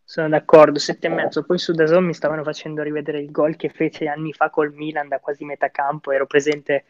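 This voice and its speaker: A man's voice: fairly high pitch, little pitch movement, a little fast, dull audio. A man giving his casual opinions on football as a pundit. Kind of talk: casual football commentary chat.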